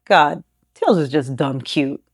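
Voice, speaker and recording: A young adult woman hosting a science explainer video, reading a script with casual asides and bursting into giggly, excited outbursts. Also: low-pitched, slow pace.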